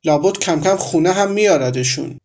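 A man reading the lines of a blunt, sharp-tongued young woman friend in a story, in mocking, plain remarks. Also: on the high side, lightly acted. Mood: blunt teasing.

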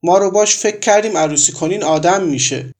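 A man reading the lines of a blunt, sharp-tongued young woman friend in a story, in mocking, plain remarks. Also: high-pitched, close to an everyday voice. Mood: blunt teasing.

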